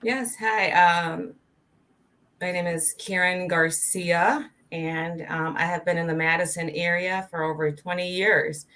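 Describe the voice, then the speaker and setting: Woman from Colombia, 30s, podcast guest; earnest and soft-spoken with a somewhat low, bright voice. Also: steady tone, a little slow. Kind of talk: casual interview.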